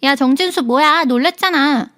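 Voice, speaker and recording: A woman's voice: on the high side, fast, dry recording, clean studio sound, natural voice. A woman voicing a brash, bitter young woman friend who talks in a snappy, sneering way. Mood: mocking.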